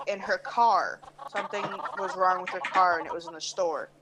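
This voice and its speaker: A woman's voice: lowish voice, steady tone, moderate pace. A young woman telling a rambling school story with lots of fillers and self-corrections, casual talk with friends over an online game chat. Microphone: headset mic on the shoulder. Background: chickens clucking.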